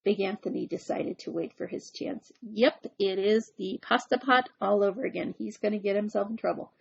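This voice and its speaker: Husky woman reading a storybook. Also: mid-range voice, moderate pace, dull audio. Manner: playful, with chatty asides. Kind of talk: reading a picture book aloud.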